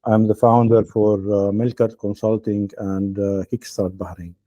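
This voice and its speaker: Lebanese-born guy on a video call, low flat voice, lots of uhs, dull lo-fi audio. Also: dry recording. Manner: halting, many "uh" fillers, ends points with "okay?". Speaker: accelerator program founder. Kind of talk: online welcome speech.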